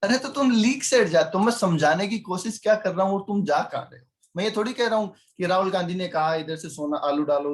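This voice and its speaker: Chatty, teasing male teacher. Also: high voice. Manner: chatty, teasing, keeps quizzing students. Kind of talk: classroom lecture.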